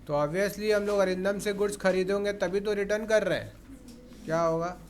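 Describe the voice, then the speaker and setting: A high-pitched man teaches an accounts class, coaxing his students and pausing often to ask them questions. A faint hiss sits behind his voice. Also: steady tone. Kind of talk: classroom lecture.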